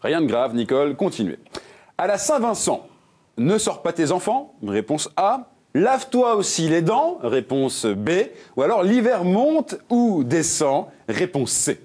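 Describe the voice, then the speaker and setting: A jokey quiz-show host whose pitch swings up and down as he reads each question. He sits a little high for a man and keeps things light, slipping puns between the answer options. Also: very animated, measured pace, a little mellow. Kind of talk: game show hosting with puns.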